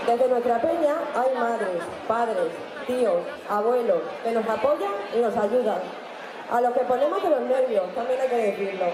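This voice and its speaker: A woman with an accent from Spain, giving a scripted herald's speech for a carnival club. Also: on the high side. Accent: Spanish from Spain. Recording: echoey, noisy room with crowd.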